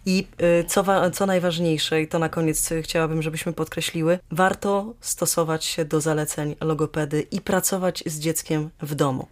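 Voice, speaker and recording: A woman hosting a radio interview, speaking in a measured way with frequent hesitations. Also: sits low, steady tone. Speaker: radio host.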